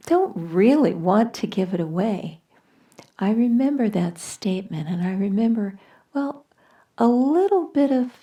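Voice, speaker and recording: A woman giving a gentle, measured spiritual talk, telling a story, often dropping to a soft near-whisper. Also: medium pitch. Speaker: spiritual teacher.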